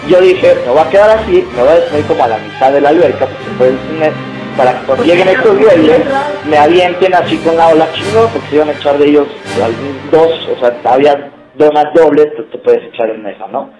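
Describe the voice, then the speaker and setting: A young man with a Mexican accent telling a funny story to friends in casual, slangy talk, laughing and acting out shouts. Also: on the high side, fairly quick, reverberant, music in the background, low-quality recording. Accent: Mexican Spanish.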